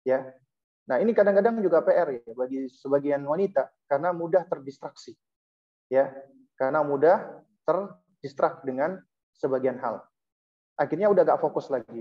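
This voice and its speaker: Unhurried religious lecturer, dull recording. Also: mid-range voice. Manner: unhurried explaining, peppered with affirming "ya". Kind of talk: Islamic parenting lecture to a live and online audience.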